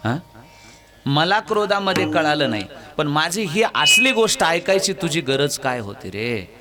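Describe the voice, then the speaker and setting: A man voicing a stern, wrathful old male sage who shouts orders at his son, within a devotional storytelling sermon. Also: fairly high pitch, sing-song, unhurried, over a noisy crowd. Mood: remorseful.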